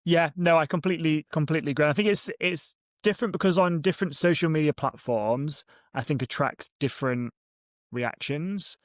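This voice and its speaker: A man's voice: fairly high pitch, brisk, dry recording, studio quality. A man in casual conversation as a guest, informal and agreeable, thinking aloud as he goes. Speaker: podcast guest and content creator.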